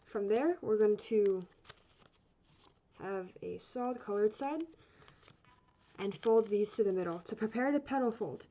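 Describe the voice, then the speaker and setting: A woman's voice: mid-range voice, a little slow, long pauses. A woman giving a casual step-by-step craft tutorial as an instructor, chatty and rambling, often apologetic and correcting herself. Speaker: origami course instructor. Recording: dull lo-fi sound, steady noise.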